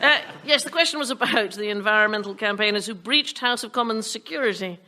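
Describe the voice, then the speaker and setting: A woman's voice: medium pitch, fast, sharp tone. A woman hosting a comedy panel quiz with a dry, teasing delivery, in front of a live audience. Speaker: quiz show host. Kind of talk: comic panel show hosting. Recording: live audience laughter with background noise.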